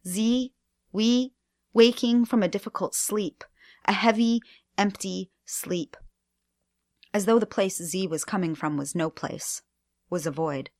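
Woman, spoken-word poet, slow deliberate delivery, dramatic pauses, dry close sound. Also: on the low side, no echo. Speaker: guest poet. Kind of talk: spoken-word poetry performance.

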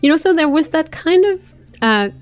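With a high, animated voice at normal speed, a French woman speaks in a reflective personal interview. She is a teacher whose first language is French, and she is thoughtful, often searching for words.

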